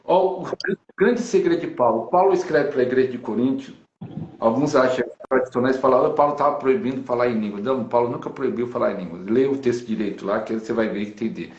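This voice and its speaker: A man with a Brazilian accent, a pastor, talking emphatically on a live video call and slowing down to quote scripture. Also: medium pitch, darkish tone, reverberant, highs cut off. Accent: Brazilian Portuguese.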